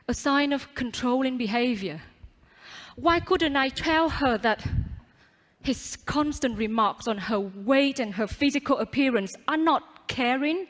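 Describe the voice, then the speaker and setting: High-pitched woman, loud stage projection, competition speech, dramatic pauses, long hall reverb. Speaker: contest public speaker. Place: large auditorium on stage. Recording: echoing large hall.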